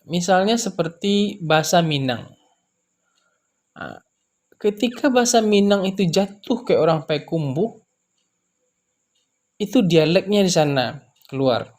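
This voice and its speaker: Brief: male language teacher, patient lecture delivery, repeats examples, filler-heavy. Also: fairly high pitch. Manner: unhurried, repeats example words, many fillers. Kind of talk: explanatory lecture.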